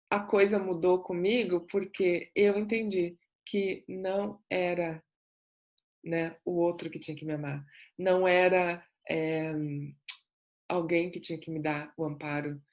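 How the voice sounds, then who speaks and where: A woman speaking in an earnest, reflective way as a self-development coach, giving a personal testimony with repeated emphasis. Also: on the low side.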